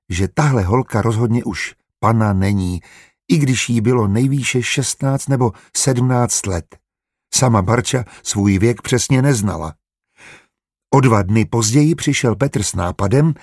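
A man narrating a novel in a steady, even storytelling voice. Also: medium pitch, slightly rough, no room sound, clean studio sound. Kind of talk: audiobook narration.

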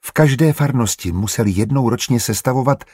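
A man narrating an audiobook in a measured, even storytelling manner. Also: mid-range voice, husky, no room sound, clean studio sound.

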